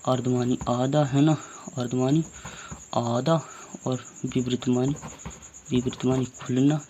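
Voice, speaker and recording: Man, teacher, chatty informal lesson, mellow tone, faint background noise. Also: medium pitch, level tone, a little slow, muffled recording. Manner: repeats questions and answers them himself; casual and chatty, corrects his own slips.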